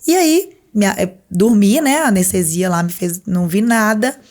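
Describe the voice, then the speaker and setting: As a guest on a podcast, a woman tells her story during a relaxed interview, bringing it to life by performing other people's lines. Her voice is mid-range and her pace is normal.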